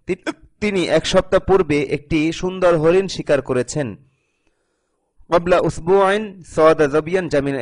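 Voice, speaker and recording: Male Arabic teacher with a slightly high voice, reads sentences and then explains them patiently. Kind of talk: recorded grammar lesson.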